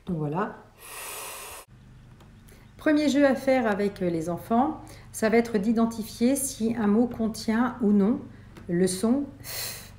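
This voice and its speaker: A French woman teacher talks parents through a reading lesson, patient and clear. She slows down to spell sounds out one by one. Her voice is mellow and warm. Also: fairly high pitch. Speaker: first-grade teacher.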